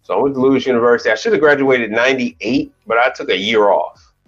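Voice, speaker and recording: A fast-talking American man in his forties, whose mid-range voice is a bit bright, hosts a casual live stream as a commercial appliance repair technician and channel host. He rambles, swears lightly, and restarts sentences often. Faint music sits behind the dull lo-fi sound.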